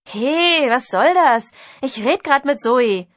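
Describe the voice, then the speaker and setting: Female reader playing a clumsy teenage boy, tipsy and pleading, husky tone, dry studio. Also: mid-range voice, expressive, slow pace, dry recording, full character voice. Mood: indignant.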